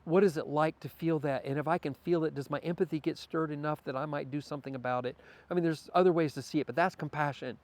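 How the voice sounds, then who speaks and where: A man's voice: on the high side, steady tone, fast talker, hardly any pauses. Reflective man musing aloud. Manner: reflective, philosophical, thinks aloud with restarts. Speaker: podcast guest. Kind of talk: candid conversational interview.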